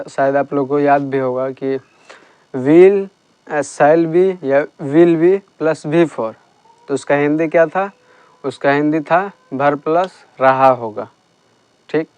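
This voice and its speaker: Slow, smooth-voiced male teacher. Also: a little high, no room sound. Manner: slow, patient explaining with repeated checks. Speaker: English teacher. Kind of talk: classroom grammar lesson.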